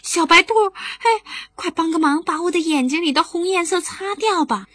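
A woman's voice: very high-pitched, moderate pace, bright, forceful tone, dry recording, voice pushed up. Woman playing an eager little boy. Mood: worried. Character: little boy, cheerful and curious.

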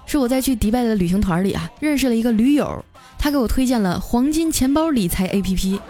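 Woman doing a deadpan male coworker. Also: a little high, fast talker, faint music behind.

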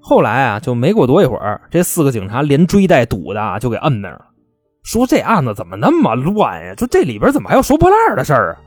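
A male storyteller, chatty and colloquial, his pitch swinging animatedly as he narrates a crime tale. The voice is close and dry, with faint music underneath. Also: huge pitch swings, quick pace, breathy edge, no room sound. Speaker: storyteller host.

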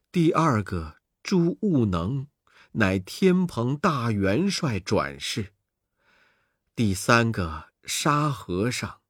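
A man voicing a meek, gentle monk who speaks slowly and humbly in a low voice. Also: no room sound, studio quality, heavily acted. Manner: slow, humble, soft-spoken.

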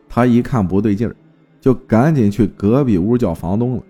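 A man narrating a folk ghost story in a lively, vivid storytelling manner. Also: on the low side, normal speed, slightly rough, faint music behind.

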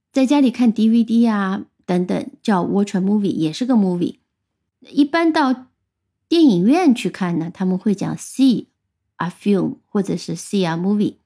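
A woman with a mellow, warm voice gives an English vocabulary lesson. She explains each word patiently and spells it out letter by letter. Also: mid-range voice. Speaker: English teacher.

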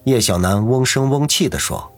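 A man narrating an audiobook novel in a steady storytelling manner. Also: medium pitch, moderate pace, soft background music. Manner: steady storytelling, doing every character.

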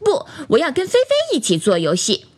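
A woman's voice: high voice, wildly swooping pitch, brisk, a little mellow, pitched above the performer's own voice. A woman doing a whiny crybaby doll boy. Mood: stubborn. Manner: wailing, stubborn, petulant. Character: whiny crying little boy toy doll.

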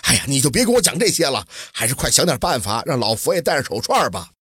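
A man storyteller voicing an anxious, flustered provincial official who frets excitably. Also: medium pitch, fast talker, slightly rough, no echo, studio quality. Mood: fretful. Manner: excitable and fretful.

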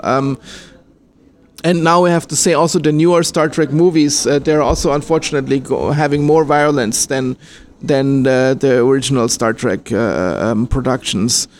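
Man from Austria, slightly high voice, halting, lots of ums. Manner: hesitant, many ums and restarts. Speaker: interviewee, fan filmmaker. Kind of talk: casual interview answers.

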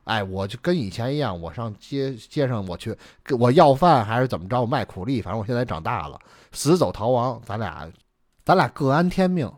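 A male storyteller voicing an earnest, loyal younger brother who speaks low and hushed. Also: big pitch swings, brisk, no room sound, clean studio sound, natural voice.

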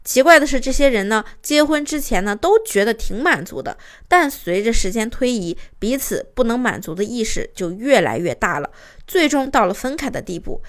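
A young woman, a host's assistant, narrating relationship advice and telling a client's story, acting out quoted arguments with rising emphasis. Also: fairly high pitch.

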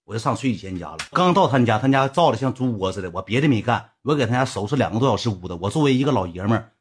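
Husky Northeastern Chinese man spinning a yarn. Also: medium pitch, animated, racing. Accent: Northeastern Mandarin. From Northeast China. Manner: rambling, slangy, bantering with viewers. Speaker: livestream storyteller. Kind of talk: casual storytelling to a live audience.

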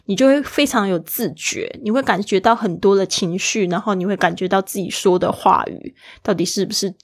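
Casting: a woman English teacher whose first language is Mandarin, patient, slow modelling of words, dry close sound. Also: mid-range voice, husky, dry recording. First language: Mandarin Chinese. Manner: explains patiently, spells out words and models pronunciation slowly. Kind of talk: bilingual English lesson.

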